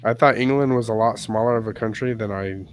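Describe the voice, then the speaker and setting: An American man co-hosts a casual podcast, telling stories and laughing often. His lowish voice moves at a quick pace, and the recording has a slight hiss or hum.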